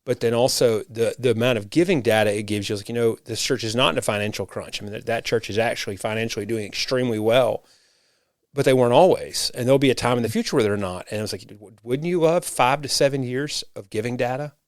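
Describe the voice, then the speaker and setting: A man's voice: mid-range voice, quick pace, dry recording, studio quality. A man hosting a podcast and serving as a rural pastor, talking in a reflective, rambling way with frequent restarts. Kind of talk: casual conversation.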